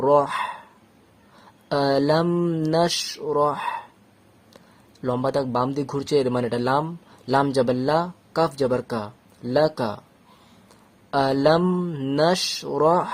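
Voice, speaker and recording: A man teaching Quran reading, sounding out letters slowly syllable by syllable and explaining each step calmly. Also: mid-range voice. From Bangladesh or West Bengal. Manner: slow syllable-by-syllable drilling; explains calmly, checks with "okay?". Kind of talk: patient step-by-step recitation lesson.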